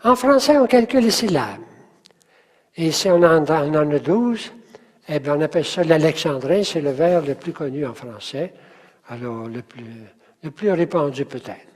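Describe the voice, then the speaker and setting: A man's voice: a little high, animated, moderate pace, big-room sound. A man teaching a poetry class, patiently explaining and counting syllables aloud while asking the group questions.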